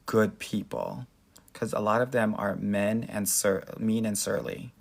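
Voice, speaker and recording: This Los Angeles dating coach speaks slowly in a lowish, creaky voice with big swings in pitch. Running a laid-back livestream, the American man chats with viewers like a sassy, gushing, girly best friend.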